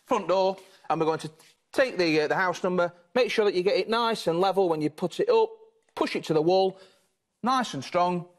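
A man's voice: high-pitched, moderate pace. A British man in his thirties giving an instructive, reassuring live home shopping demonstration, step by step. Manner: instructive, reassuring, repeats set phrases. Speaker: product demonstrator on a shopping channel. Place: television studio, indoors, moving about while demonstrating.

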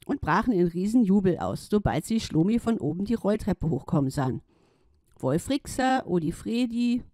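Lively woman reading a children's story. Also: mid-range voice, no echo, clean studio sound.

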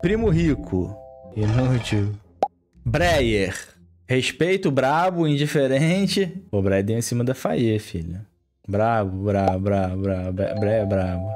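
A male streamer talks on a live stream in a lively voice that swings up and down. He hands out blunt, irreverent snap verdicts packed with slang. Faint music plays in the background. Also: lowish voice, slow pace.

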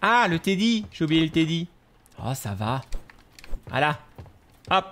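A man giving excitable gameplay commentary, yelping and gasping at scares and scolding the game's baby. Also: a little high, unhurried, a little hiss or hum. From France. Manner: animated, shouts and gasps at scares, scolds the game baby. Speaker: gaming youtuber.

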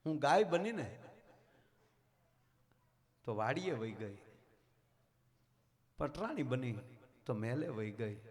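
A man's voice: medium pitch, very animated, slow, pauses often, darkish tone. A man in a folk storytelling show voicing a tearful queen who pleads with her guru. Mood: pleading. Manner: pleading, weepy. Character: proud queen once a dog, clinging, tearful woman.

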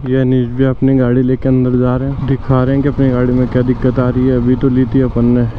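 A man's voice: mid-range voice, monotone, quick pace. A man casually narrating a motorcycle vlog to his viewers while riding through city roads. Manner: chatty, addresses viewers informally. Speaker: motovlogger. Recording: tinny, with loud traffic and wind noise.

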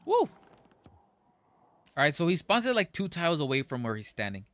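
A man casually commenting on his gameplay to his chat, excitable, with sudden outbursts and stammers. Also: fairly high pitch, fast talker, dry recording. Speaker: gaming streamer.

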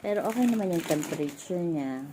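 A woman's voice: lowish voice, expressive, brisk, background noise. A young mother vlogging at home, cooing baby talk to her little child. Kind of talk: casual family vlog.

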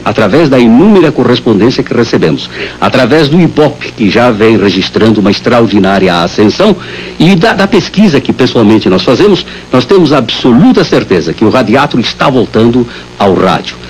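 A man's voice: mid-range voice, big pitch swings, a little fast, poor audio. A man, a radio producer, speaking formally and assertively in a promotional interview. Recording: faint background noise.

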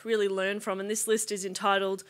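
A young woman doing a stand-up comedy routine on a TV studio stage, talking into a handheld mic with deadpan, sardonic asides. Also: mid-range voice, brisk. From Australia. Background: audience laughter.

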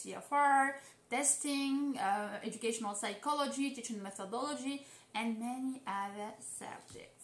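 High-voiced woman teacher, earnest and upbeat. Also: fairly bright tone, roomy sound. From Tunisia. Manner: earnest, motivational, emphatic. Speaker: English teacher. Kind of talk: scripted self-introduction to camera. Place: indoor room, seated in office chair.

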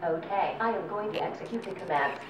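A synthetic text-to-speech female voice belonging to a service robot announces each step to people in a flat, formal, evenly paced and fairly quick way. Slightly low, it is heard from a distance in a very echoey indoor robot test arena, with steady noise behind it.

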